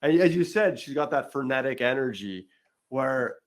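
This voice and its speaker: A man's voice: mid-range voice, lively intonation, moderate pace. A man hosting a casual chat, brainstorming a film story in a rambling way and acting out quoted lines. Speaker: podcast host.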